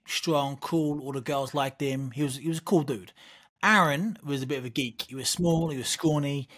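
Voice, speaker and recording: A middle-aged man, a guest on an interview, telling lively anecdotes from his youth in a casual way. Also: medium pitch, slightly rough. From United Kingdom. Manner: vivid, animated anecdote-telling with laughs. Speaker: guest, former Olympic boxer.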